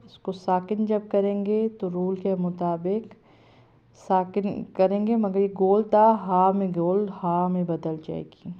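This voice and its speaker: Woman slowly chanting letter sounds. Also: mid-range voice, steady tone, dull audio. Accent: Pakistani Urdu. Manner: chants letter sounds slowly, then explains rules quickly. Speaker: Quran reading teacher. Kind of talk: step-by-step spelling lesson.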